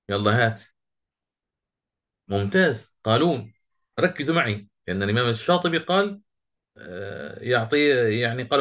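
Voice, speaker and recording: A man teaching a Quran recitation lesson, quizzing his students and chanting the verses he quotes slowly. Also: on the high side, a bit bright.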